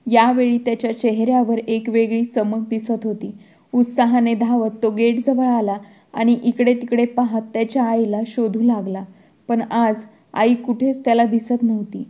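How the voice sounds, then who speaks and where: Woman reading out a story, kinda high voice, very flat and even, soft mellow tone. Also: moderate pace. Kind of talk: scripted story narration.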